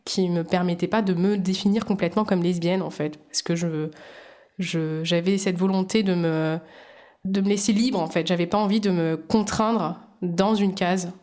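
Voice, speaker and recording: A woman with a fairly low voice talks as a podcast guest. She tells her own story hesitantly, stopping and restarting often, with many fillers. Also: darkish tone. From Djibouti. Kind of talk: personal testimony in a podcast interview.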